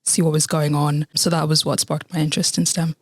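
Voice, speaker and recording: A woman's voice: deep voice, flat delivery, brisk. A 24-year-old woman from Sweden, a PhD student talking in an enthusiastic, chatty way. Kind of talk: casual podcast chat.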